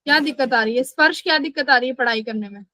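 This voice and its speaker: A woman's voice: high-pitched, rapid-fire, sharp tone, no echo, low-quality recording. A woman teaching a live online physics class, asking questions and answering them herself, and scolding students who skip class.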